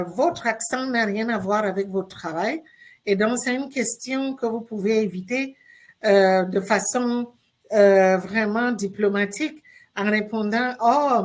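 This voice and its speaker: A woman career coach, giving spontaneous advice with many hesitations and restarts. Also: fairly high pitch. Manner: hesitant, frequent "euh" fillers and restarts. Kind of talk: spontaneous instructional talk.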